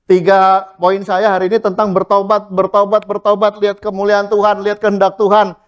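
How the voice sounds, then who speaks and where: A middle-aged man preaching in a church with a high, light voice. He talks lively and casual, slips English words in and acts out the people he quotes. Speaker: pastor. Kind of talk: sermon.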